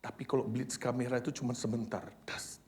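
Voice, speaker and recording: A male pastor preaching a sermon dramatically, swinging between loud cries and hushed near-whispers, dropping English phrases into his talk. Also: medium pitch, little pitch movement, brisk.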